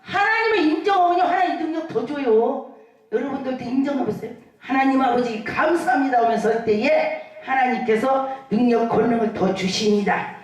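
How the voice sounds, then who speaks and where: A woman pastor preaching a lively sermon, calling out hallelujahs and acting out the people in her stories. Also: sits high, normal speed. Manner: animated preaching with shouted hallelujahs and acted-out quotes. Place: church hall. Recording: echoey hall from far off.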